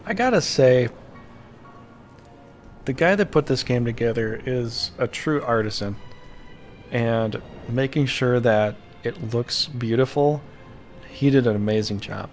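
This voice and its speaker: A man's voice: mid-range voice, measured pace, long pauses, faint music behind. A young man streaming a game late at night, rambling casually about the game and his channel into a desk mic. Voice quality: rambling, self-deprecating, gravelly. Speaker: gaming streamer. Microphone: desk microphone.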